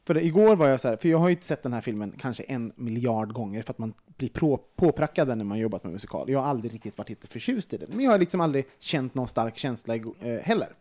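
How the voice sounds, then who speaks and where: A young man hosting a casual podcast chat, talking in an animated way with many fillers and some swearing when worked up. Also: medium pitch, hardly any pauses. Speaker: podcast host.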